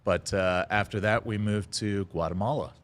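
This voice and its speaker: This podcast guest, a restaurant founder in middle age, speaks in a very deep voice during a laid-back interview about his life. He stumbles along, plugging pauses with "um" and "uh," and chuckles easily from time to time.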